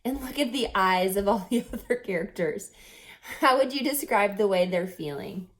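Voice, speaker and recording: Like a teacher at story time, a woman reads a picture book aloud deliberately and instructively, adding dramatic pauses and questions for the young audience. Her voice is medium-pitched and expressive.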